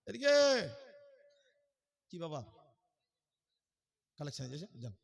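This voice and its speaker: A man from Assam preaching at a religious gathering, joking with the crowd and then swelling into loud, drawn-out chanting. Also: a little high, very animated, vocal fry, husky. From Assam, India. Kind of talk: sermon with jokes and chanted verses. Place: outdoor gathering stage.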